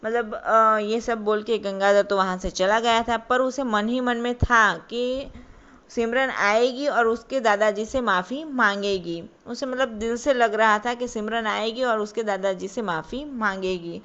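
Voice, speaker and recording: A woman's voice: a little high, fairly even intonation, unhurried, fairly bright tone, smooth. A woman telling a love story in a casual spoken way, loose and full of fillers. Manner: loose, with many fillers and restarts. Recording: dull lo-fi recording.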